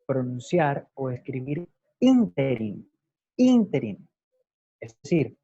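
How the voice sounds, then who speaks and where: A man teaching an online class, explaining examples patiently and repeating key words slowly. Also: mid-range voice, dark tone, slightly rough, dry recording. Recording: dull lo-fi computer audio.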